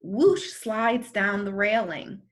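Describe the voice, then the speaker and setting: With expressive, unhurried phrasing and dramatic weight on key moments, a woman reads a story for children in the manner of a storyteller. Her voice sits in the mid range.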